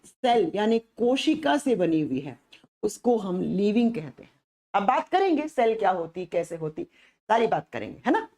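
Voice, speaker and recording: A woman teacher with a sore, hoarse throat, giving a live online science lesson and repeating her questions to the students. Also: medium pitch, very animated, moderate pace, darkish tone.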